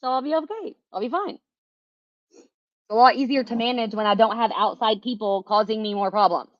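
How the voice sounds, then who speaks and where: A woman's voice: fairly high pitch, fairly quick, no room sound, lo-fi sound. A woman vlogger talking casually to her viewers, frustrated and rambling, swearing often and filling gaps with "like". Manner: frustrated, swears a lot, rambling with many fillers.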